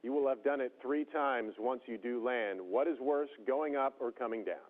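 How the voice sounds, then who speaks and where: A man working as a TV news interviewer, asking formal, measured questions over a radio link to a space station. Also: medium pitch. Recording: tinny phone-like radio link.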